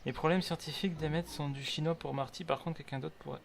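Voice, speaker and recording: A man's voice: on the high side, fairly even intonation, racing, vocal fry, background noise. A man casually commenting on a game, swearing and talking to himself. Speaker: gamer commentator. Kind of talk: casual let's play commentary. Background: game music.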